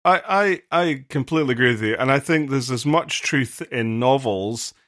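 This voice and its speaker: A man's voice: mid-range voice, animated, normal speed, fairly bright tone. Earnest man explaining with many restarts. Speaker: podcast co-host, vicar. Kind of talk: casual discussion.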